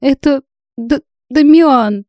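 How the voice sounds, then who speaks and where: A woman's voice: high voice, slow, mellow, dry recording, studio quality, pitched above the performer's own voice. A woman voicing a tearful young heroine who sniffles and stammers through her crying.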